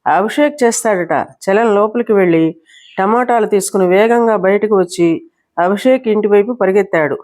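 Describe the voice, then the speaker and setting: A woman's voice: medium pitch, moderate pace, a little mellow. Woman storyteller reading a novel aloud.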